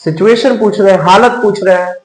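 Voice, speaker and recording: A man's voice: sits high, fairly quick, echoey room, poor audio. A man with an Indian English accent teaching English step by step, mixing Hindi and English and repeating each example sentence. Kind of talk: slow classroom explanation.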